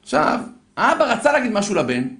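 Guy spinning a suspenseful story, high voice all over the place, echoey room. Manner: lively, acts out voices, builds suspense. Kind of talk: animated storytelling to an audience.

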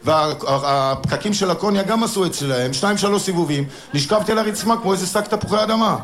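Male comic, middle-aged, lively storyteller, pitched a bit high. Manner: animated, acts out other people's voices in quotes. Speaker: stand-up comedian. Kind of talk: stand-up storytelling to an audience. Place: stage before a live audience.

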